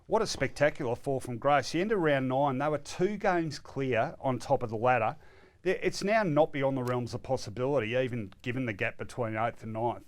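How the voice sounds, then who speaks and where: A middle-aged Australian man co-hosting a football chat show, relaxed and conversational. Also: mid-range voice. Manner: relaxed, conversational, easy laugh. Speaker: co-host. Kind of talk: casual sports chat.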